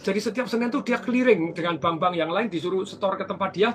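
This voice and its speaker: Lively, fast-talking man. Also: high-pitched, a little hiss or hum. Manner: animated, acts out voices of people in his stories. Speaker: former bank branch manager. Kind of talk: storytelling in casual conversation.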